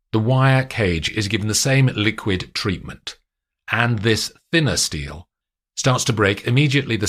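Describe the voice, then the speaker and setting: A man giving scripted audiobook narration of a spy story in a steady, descriptive way. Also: on the low side.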